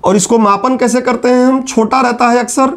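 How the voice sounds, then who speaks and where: A man with a very high voice gives a classroom lecture. He asks his students questions and then answers them himself. He slows down to repeat the key terms. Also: fairly even intonation, gravelly. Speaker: teacher.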